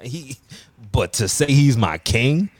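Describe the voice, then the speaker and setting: A man co-hosting a casual sports talk show, animated and emphatic, often repeating himself. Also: mid-range voice, takes it slowly, no echo. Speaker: podcast co-host.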